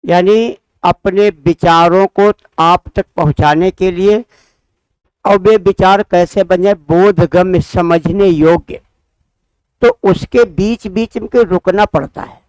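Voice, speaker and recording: A man with a fairly high, smooth and resonant voice teaches grammar to exam students. He speaks slowly and deliberately, repeating each example with careful pauses. The sound is dry and close, with no room echo. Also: steady tone, a little mellow. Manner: quizzes listeners with questions he answers himself. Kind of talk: Hindi grammar lesson.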